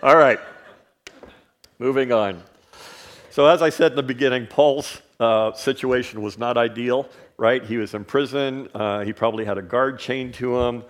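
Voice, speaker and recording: A non-native English speaker with a medium-pitched voice gives a casual Bible lesson. He fills his speech with fillers and often asks "right?"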